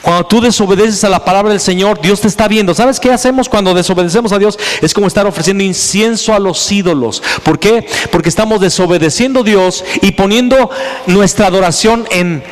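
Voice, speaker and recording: A pastor with a high, ringing voice delivers an emphatic sermon. His words carry a long reverb through the church hall, and his preaching builds in force. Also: brisk. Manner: preaching with rising, emphatic intensity. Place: church sanctuary.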